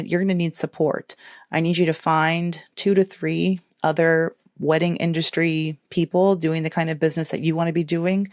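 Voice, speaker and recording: Woman, podcast host, lower voice, dry close sound, chatty, encouraging, playful. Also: darkish tone, no echo. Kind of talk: casual advice chat.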